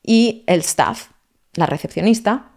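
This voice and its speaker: Lively woman teaching languages. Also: medium pitch, slow. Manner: lively, explanatory, mixes in English words. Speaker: language teacher, guest expert. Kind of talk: podcast interview, explaining.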